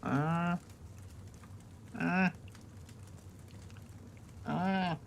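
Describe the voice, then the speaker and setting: A man's voice: high-pitched, fairly even intonation, drawn-out words, vocal fry, slight background noise. A man streaming live from home, giving casual, hyped-up commentary on his trades. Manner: hyped, cheering the market on.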